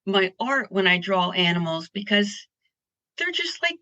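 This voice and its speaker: A woman's voice: mid-range voice, big pitch swings, unhurried, sharp tone, no echo, dull audio. Woman, interview guest, upbeat, rambling, dry recording. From Pennsylvania, US. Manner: chatty, upbeat, rambling with restarts. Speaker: guest artist. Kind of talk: casual interview chat.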